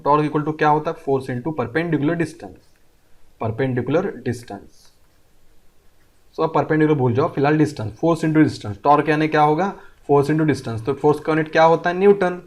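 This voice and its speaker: Guy teaching physics, kinda high voice, keeps repeating stuff and asking the kids questions. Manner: repetitive drilling, quizzing students with questions. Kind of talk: online classroom lesson. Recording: audio briefly disturbed, distant.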